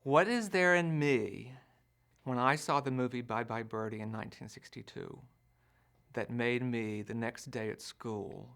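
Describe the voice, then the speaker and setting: A man's voice: mid-range voice, creaky, a bit bright. A man in his sixties talks in a documentary interview, searching and questioning himself as he remembers. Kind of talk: reflective interview.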